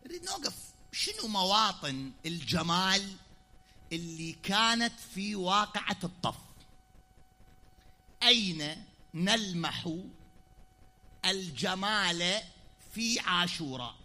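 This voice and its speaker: Bright-voiced Iraqi male preacher. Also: sits high, big pitch swings, takes it slowly, pauses often. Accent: Iraqi Arabic. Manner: explanatory, swings from quiet asides to loud declaiming. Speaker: preacher at a mourning gathering. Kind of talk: sermon. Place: pulpit in a hall.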